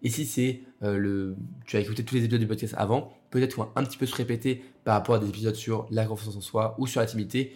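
A young man with a cold-roughened voice hosting a casual solo podcast, rambling with many fillers and restarts. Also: fairly low pitch, steady tone, fast talker, few pauses, darkish tone. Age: young adult. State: hoarse from a cold. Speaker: podcast host.

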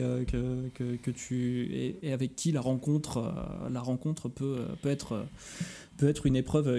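A man from France chatting on a podcast, halting often with fillers and restarts. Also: medium pitch, warm tone. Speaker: podcast host interviewed about his music shows. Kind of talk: casual podcast chat.

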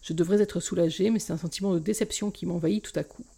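Gravel-voiced woman hosting a book podcast. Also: fairly low pitch, steady tone, fast talker. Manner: warm confiding, frank. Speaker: podcast host. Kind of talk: book review and read-aloud.

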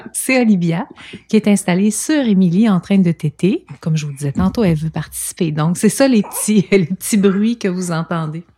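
A woman hosting a podcast interview, asking questions in a calm, measured, reflective way. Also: on the low side, husky. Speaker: podcast host. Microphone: podcast microphone.

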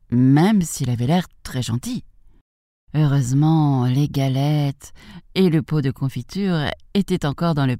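A woman reading a fairy tale aloud for young children, in a lively, expressive way. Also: sits low, no echo, clean studio sound. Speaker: storyteller.

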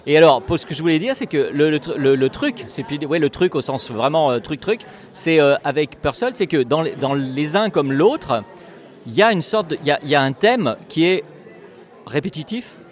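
A man's voice: on the high side, animated, moderate pace. A male interviewer asks long, winding questions of a musician. He stumbles over his words, repeats himself and circles back before landing on his point.

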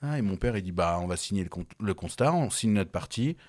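A young man in casual chat with a friend, telling a story in an animated, slangy way and laughing often. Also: on the low side, brisk.

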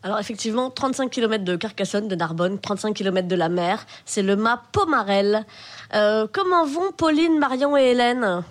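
A woman wine journalist interviews a guest on a radio show. She speaks at an ordinary pitch in a friendly way, hesitating often with small fillers. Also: normal speed.

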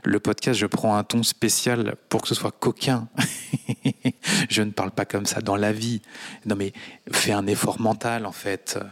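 Blunt, swearing man with a low voice. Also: level tone, a little slow. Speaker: podcast host. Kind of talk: casual podcast monologue. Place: home kitchen, standing.

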